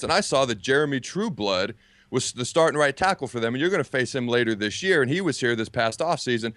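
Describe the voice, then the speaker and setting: A man's voice: medium pitch, a bit bright, no echo. American man co-hosting sports talk, dry studio sound. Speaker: sports show co-host.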